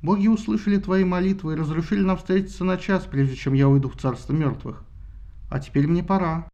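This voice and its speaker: A man voicing a modest, gentle young warrior speaking softly to his wife. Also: sits high, fairly quick, lo-fi sound, voice pushed up. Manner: soft, modest.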